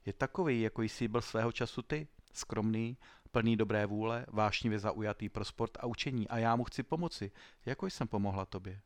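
A man's voice: on the low side, no room sound, lightly acted. A man doing a stern little old woman. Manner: quiet, severe, measured.

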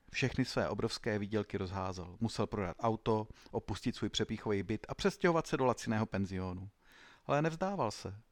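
A man narrating a story in an even, clear storytelling manner. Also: medium pitch, no echo. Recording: dry close studio sound.

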